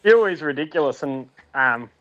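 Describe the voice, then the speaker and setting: A man's voice: on the high side, expressive, normal speed, a bit bright, no echo, highs cut off. A man with an Australian accent chatting casually as a guest, in a blokey, sweary Aussie tradesman manner. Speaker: podcast guest, small business owner. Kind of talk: casual chat.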